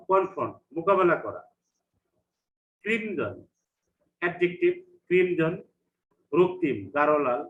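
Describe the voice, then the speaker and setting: A male English lecturer with a Bangladeshi accent teaches vocabulary online, saying each word twice with its meaning. His slightly high voice moves at a slow, careful pace. The lo-fi recording sounds dull and echoes in a bare room.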